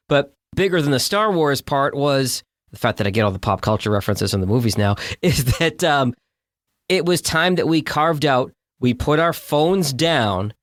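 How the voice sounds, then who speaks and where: A man's voice: mid-range voice, no room sound, studio quality. A man in his forties hosting a podcast, chatting casually and telling personal anecdotes. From Michigan. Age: 40s. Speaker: podcast host. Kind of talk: conversational podcast chat.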